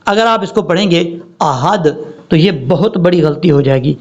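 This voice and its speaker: A man teaching a recitation lesson step by step, stretching out each word slowly to show the correct pronunciation. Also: a little high, animated, darkish tone, highs cut off. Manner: slow drawn-out demonstration of each word. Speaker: religious teacher.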